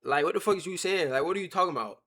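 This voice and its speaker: A young man tells a story straight to his live chat. His voice sits high and sounds bright and forceful. He jumps into the other people's lines as he goes, animated and loose. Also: racing. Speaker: streamer telling a story. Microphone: webcam or phone on a stand.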